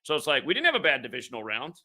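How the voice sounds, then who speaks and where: A man's voice: mid-range voice, huge pitch swings, rapid-fire, sharp tone. A man hosting his own betting show, talking in an aggrieved, repetitive rant that is full of profanity and stammered, repeated words. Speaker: online sports betting show host. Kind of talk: casual livestream monologue.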